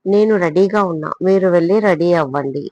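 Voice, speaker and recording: A woman's voice: on the low side, a little fast, dark tone, highs cut off, lightly acted. A woman voicing a playful, bold young heroine in a spoken audio story. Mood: teasing. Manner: teasing, spirited.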